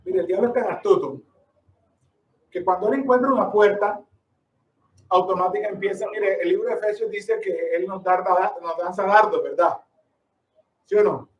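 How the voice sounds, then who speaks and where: A high-pitched male preacher delivers an emphatic sermon full of rhetorical questions. He calls out to his listeners as brother. The sound is roomy and echoing, picked up from some distance. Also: normal speed, long pauses, dull audio.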